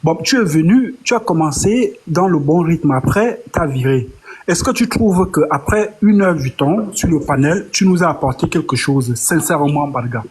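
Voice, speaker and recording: A man's voice: on the high side, animated, moderate pace, husky. Man calling a heated panel to order. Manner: calls for order, reproachful. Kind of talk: heated online panel debate.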